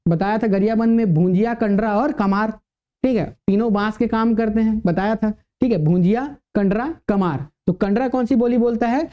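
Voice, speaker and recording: A man's voice: sits high, normal speed, dull audio. A male teacher giving a classroom lecture, asking the class questions and answering them himself.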